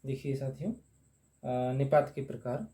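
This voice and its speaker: Slow, mellow-voiced man teaching. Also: medium pitch. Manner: slow, repeats terms while writing on a board; asks and answers his own questions. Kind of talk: Hindi grammar lesson.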